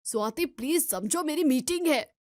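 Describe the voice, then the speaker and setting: A woman's voice: sits high, expressive, normal speed, darkish tone, no echo, studio quality. A woman voicing an impatient young husband who snaps brusquely and dismisses his wife. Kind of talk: storybook voice acting.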